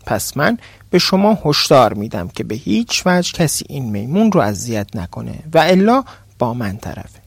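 A man's voice: mid-range voice, sing-song, gravelly, breathy edge, no echo, heavily acted. A man reading a firm, kindly ship captain.

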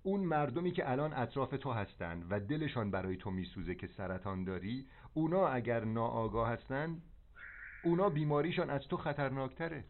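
A man speaks over a landline phone, the sound narrow and tinny. He counsels like a spiritual teacher and doctor, giving firm instructions and pausing to check he is understood. His pitch sits in an ordinary male range. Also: lively intonation. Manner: didactic, directive, with check-in questions. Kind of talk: preaching counsel on a phone call. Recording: narrow, tinny telephone line.

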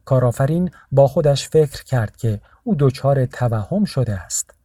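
A man reading an audiobook in a calm, even narrating voice. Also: mid-range voice, no room sound, clean studio sound.

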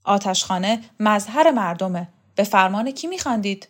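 A woman voicing a defiant young woman who fires indignant questions back at officials in a read-aloud story, her voice a little raised and quick, at an ordinary middle pitch. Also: animated, close to an everyday voice.

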